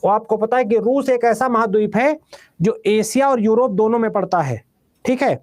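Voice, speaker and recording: High-voiced Bihari Hindi man teaching. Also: darkish tone, no room sound. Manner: repeats items slowly for dictation, calls students "beta". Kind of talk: classroom geography lecture. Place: classroom.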